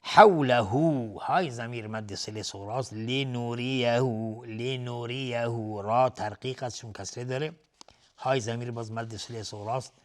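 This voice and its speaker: A man teaching Quranic recitation rules on a TV lesson. He chants verses slowly and drawn out, then explains each rule in quick, plain talk. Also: medium pitch. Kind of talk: tajweed lesson with slow recitation. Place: TV studio.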